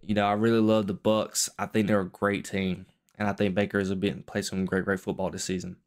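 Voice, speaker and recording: Restrained, low-pitched young man talking late at night. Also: level tone, brisk. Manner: restrained, keeping it down late at night while others sleep. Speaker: sports vlogger. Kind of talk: casual post-game football commentary.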